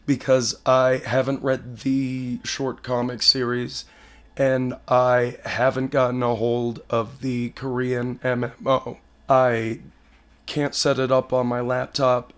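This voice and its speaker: A man in his twenties talks casually to camera in his living room as a podcast host. His voice is hoarse and partly lost, sitting at an ordinary pitch. He is blunt, self-deprecating and swears freely. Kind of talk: casual solo update to camera.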